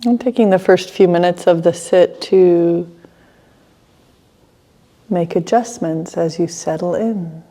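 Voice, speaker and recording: Leading a guided meditation, a woman with a fairly low voice offers brief, gentle phrases and leaves long silences between them.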